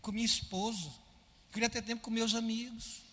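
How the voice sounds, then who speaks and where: A man preaching a sermon as pastor, animated, firing rhetorical questions at his congregation and acting out his listeners' complaints. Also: very high voice, moderate pace, in a large hall.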